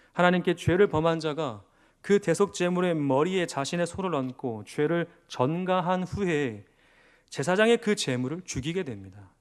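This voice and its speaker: Korean pastor preaching with dramatic dynamics. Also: male voice, on the high side. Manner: dramatic swings from loud emphasis to hushed near-whispers; asks questions and answers them himself. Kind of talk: sermon. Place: church.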